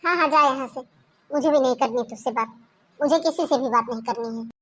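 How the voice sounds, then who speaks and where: A woman's voice: sits high, fairly quick, breathy edge. Woman voicing a nagging mother-in-law. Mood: angry. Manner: sharp, nagging, taunting. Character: scolding greedy middle-aged mother-in-law. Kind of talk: Hindi cartoon voice acting.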